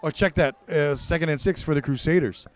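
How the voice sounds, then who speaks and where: Excitable play-by-play announcer, man, slightly high, smooth resonant voice, live game call. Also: brisk. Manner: excitable, corrects himself mid-call. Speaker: play-by-play commentator. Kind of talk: live football commentary.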